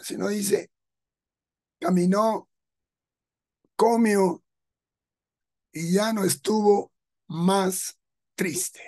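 A male pastor, preaching a sermon in a measured, explanatory way with rhetorical asides. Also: high-pitched, a little mellow. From Peru.

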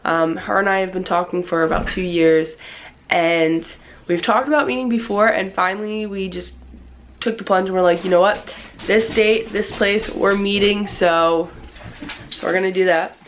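A woman's voice: mid-range voice, steady tone, moderate pace, a little hiss or hum, rough recording. Chatty young woman vlogging casually. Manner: chatty, rambling with many fillers. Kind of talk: casual vlog chat.

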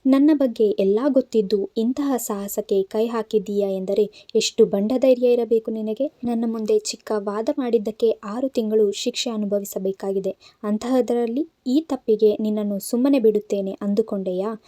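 A woman voicing an arrogant, short-tempered young male boss who shouts sarcastic threats. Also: on the high side, normal speed, no room sound, clean studio sound, lightly acted. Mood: furious.

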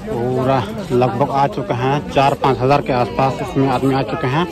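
A man's voice: medium pitch, little pitch movement, normal speed. A young man vlogging casually to viewers from a street rally, chatty and calling them brother. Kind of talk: casual vlog narration at a rally. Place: outdoors on a crowded street. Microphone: phone held at arm's length. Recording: loud crowd behind.

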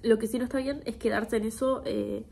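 Young woman, fairly high pitch, tearful, hesitant, confessional vlog chat, slight background noise in a home kitchen. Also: steady tone, brisk, gravelly, a little mellow. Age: 20s. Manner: hesitant, emotional, with nervous little laughs. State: tearful, on the verge of crying. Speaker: video creator. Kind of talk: candid confessional chat to camera. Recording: noisy home kitchen recording.

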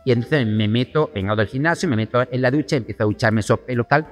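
A man telling a lively anecdote as a talk show guest, acting out the voices of the people in his story. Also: medium pitch, fast talker, long reverb tail, soft background music.

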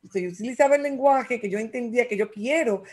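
An animated woman who talks as a guest expert on a talk show. Her voice sits a bit high. She acts out quotes with lively energy. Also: quick pace. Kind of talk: radio talk show conversation.

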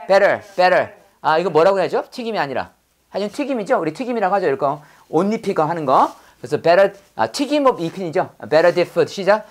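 Slow, lively-pitched woman drilling English words. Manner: slow repeated English drills, coaxing students to repeat. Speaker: English vocabulary teacher. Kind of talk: drilling lesson with call-and-repeat.

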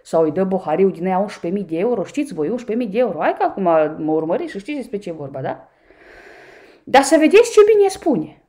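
A woman's voice: medium pitch, very animated, mellow. A woman from Romania commenting on clips in a sarcastic, mocking way, speaking to her viewers as a vlogger. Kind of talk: reaction commentary.

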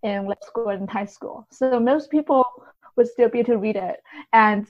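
Interviewed as a guest, this woman works as a literary translator and talks in an explanatory, hedging style full of softeners. Her voice is a little high, her pace moderate, and the audio dull and lo-fi.

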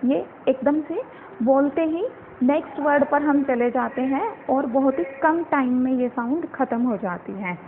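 A woman leads a phonetics lesson, her voice pitched high. She explains step by step, mixing English words into her speech and answering her own questions. The audio is thin and phone-like, with a faint hiss behind it. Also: measured pace. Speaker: teacher. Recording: tinny phone-quality audio with faint noise.

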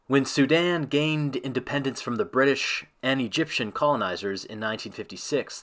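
A man giving a scripted devotional narration that ends in a prayer, reading in a measured, reverent way. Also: lowish voice, pushed and bright.

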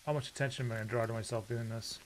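A man's voice: medium pitch, fairly even intonation, very fast, slight background noise. A man giving casual, rambling commentary while playing a game, often breaking into startled outbursts. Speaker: gaming YouTuber.

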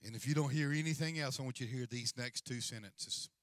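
A man's voice: mid-range voice, fast, a bit bright, no room sound. A middle-aged man preaching a sermon as senior pastor on a large church stage, with a handheld mic and a repetitive, rising and falling cadence.

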